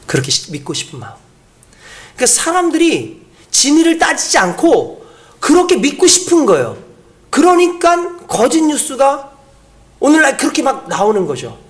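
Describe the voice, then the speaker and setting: A man preaching a sermon as pastor, acting out quoted voices with dramatic shifts. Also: extremely high pitch. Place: church sanctuary.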